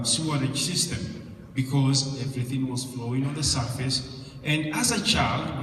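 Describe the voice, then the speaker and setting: Man, conference talk, earnest with jokes, distant mic, long hall reverb, faint room noise. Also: medium pitch. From Kenya. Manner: earnest, joking asides. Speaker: conference speaker. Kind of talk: personal story talk. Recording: echoey hall from far off.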